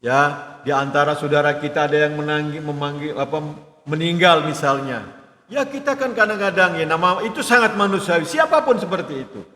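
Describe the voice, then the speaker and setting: A man's voice: on the high side, lively intonation, fairly quick, bright, forceful tone. A middle-aged man teaching hadith to a congregation, reading Arabic and explaining it phrase by phrase with frequent asides to listeners. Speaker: Islamic teacher. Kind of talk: religious study lecture. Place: mosque hall. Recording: echoey hall, long reverb.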